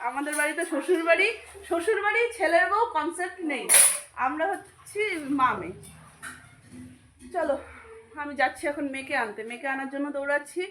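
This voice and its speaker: A woman's voice: high-pitched, fairly quick, pauses often, a little hiss or hum, poor audio. A woman in her thirties, a mother chatting casually through her daily vlog at home, rambling from one errand to the next. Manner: chatty, rambling, switches to soft talk. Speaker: vlogger and mother.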